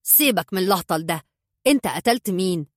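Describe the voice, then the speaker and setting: A woman's voice: lowish voice, animated, a little fast, dry recording, studio quality. A woman voicing a curt, irritable male gang boss with an Egyptian accent in a storybook. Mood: irritated. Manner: curt, bossy, coarse.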